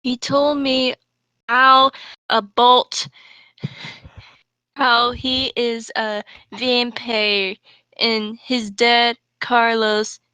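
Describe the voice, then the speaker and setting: A woman with a high voice reads out a clumsy story for laughs, tripping over its misspellings as she goes. She speaks very slowly, close and dry to the mic. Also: level tone, sharp tone, clear, resonant tone, no echo. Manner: stumbles over misspelled words, breaks into laughter. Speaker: dramatic reader of a fanfic. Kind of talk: comedic dramatic reading.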